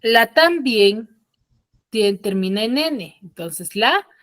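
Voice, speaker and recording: A woman's voice: a little high, expressive, slow, a bit bright, no room sound. Patient woman teacher, dry close sound. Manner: patient, asks frequent check questions. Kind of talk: online class explanation. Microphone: computer mic on a video call.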